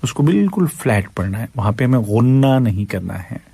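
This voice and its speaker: A man teaching Quran recitation, patiently explaining pronunciation rules and demonstrating each verse in a slow, drawn-out chant. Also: mid-range voice, sing-song, creaky, warm tone, husky, no echo.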